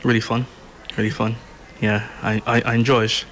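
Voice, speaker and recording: A man in his twenties answering interview questions in short, hesitant phrases full of fillers. Soft background ambience runs behind him. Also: medium pitch, flat delivery, moderate pace, a little hiss or hum. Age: 20s. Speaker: programme participant.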